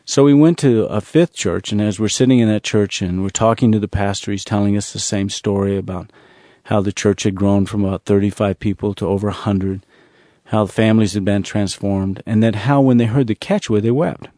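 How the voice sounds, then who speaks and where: A man telling a testimony from his mission travels, earnest and repetitive, slowing down to stress key words. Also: fairly low pitch, steady tone, warm tone, no echo, studio quality. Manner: earnest, repetitive storytelling with slow emphasis. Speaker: ministry speaker telling a mission story. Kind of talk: storytelling testimony.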